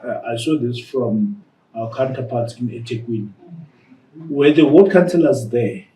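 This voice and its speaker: A man's voice: mid-range voice, unhurried, warm tone. Man hosting a talk show, chatty, keeps saying mm and yeah, echoey, mic set back. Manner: eager, chatty, lots of "mm" and "yeah" backchannel. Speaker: host, ward councillor. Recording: roomy sound from a distant mic.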